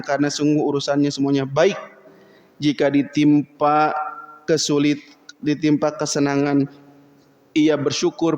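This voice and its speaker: A man's voice: a little high, a little mellow, lo-fi sound. A man with a Sundanese accent preaching a dawn sermon in a mosque, folksy and joking, chanting Arabic quotations between his stories. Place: mosque hall. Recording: long hall reverb.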